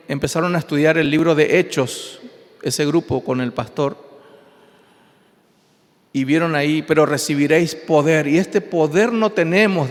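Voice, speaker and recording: Emphatic preaching man in a hall. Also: a little high. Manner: emphatic preaching with rising and falling delivery. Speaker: pastor. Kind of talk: sermon. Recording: long hall reverb.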